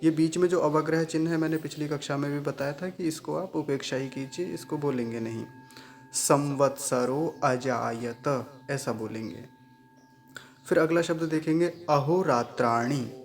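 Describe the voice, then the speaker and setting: A man's voice: on the high side, a little fast, a little mellow, a little hiss or hum. A man teaching the correct pronunciation of mantras in a patient online lesson, breaking words into syllables and repeating them. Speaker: Sanskrit recitation teacher.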